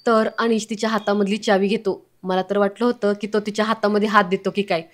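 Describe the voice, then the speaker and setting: A woman casually retelling a TV serial episode in an even, conversational way, with her own asides. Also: medium pitch, brisk. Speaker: TV serial recap narrator. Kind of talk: casual storytelling recap.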